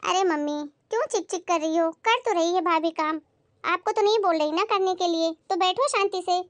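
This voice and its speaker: A woman's voice: extremely high pitch, normal speed, dry recording. A woman playing a young daughter who reasons with her mother in defense of her sister-in-law. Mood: pleading. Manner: pleading, reasonable, mildly exasperated.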